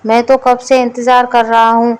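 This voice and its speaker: A woman's voice: on the high side, completely flat delivery, moderate pace, noisy background, close to an everyday voice. A woman voicing a cheeky, literal-minded male servant answering his master back in a storybook.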